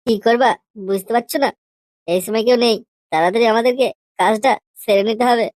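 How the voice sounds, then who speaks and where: A woman's voice: a little high, brisk, a little mellow, no room sound, lightly acted. A woman voicing a crude, pushy young boyfriend in a comedy cartoon, using coarse slang and a wheedling, teasing manner. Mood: coaxing.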